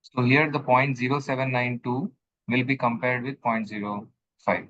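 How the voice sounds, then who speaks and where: A man's voice: mid-range voice, fairly even intonation, moderate pace, a bit bright, muffled recording. Man teaching over a screen-share recording. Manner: explanatory, checks in with the student. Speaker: instructor. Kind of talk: statistics coding lesson.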